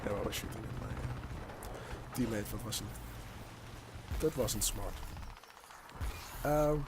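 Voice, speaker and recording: This young Dutch YouTuber has a fairly low pitch and takes it slowly, speaking English as a second language with a Dutch accent. His gameplay commentary is rambling and hesitant, full of restarts, set against game gunfire and noise.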